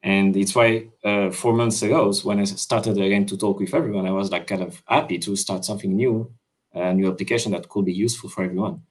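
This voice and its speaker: A Swiss-born man talks over a video call, explaining his app work with frequent pauses and "uh"s. His voice sits a little low. He sounds casual and unscripted, restarting sentences as he goes. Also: fairly even intonation. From Switzerland. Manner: hesitant, many fillers and restarts. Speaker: crypto developer.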